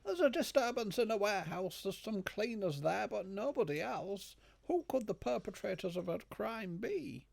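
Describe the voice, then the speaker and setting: A British man trades dry banter over a video game. His voice is creaky and moves widely in pitch, yet his manner stays deadpan and sardonic. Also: moderate pace, hardly any pauses, no room sound. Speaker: gaming co-commentator.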